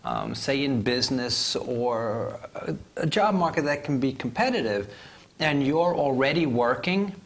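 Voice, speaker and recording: A man's voice: medium pitch, very animated, unhurried. A man in his forties co-hosting a casual talk show, steering the conversation with questions. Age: 40s. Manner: guides the talk with prompting questions. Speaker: co-host. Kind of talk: casual chat.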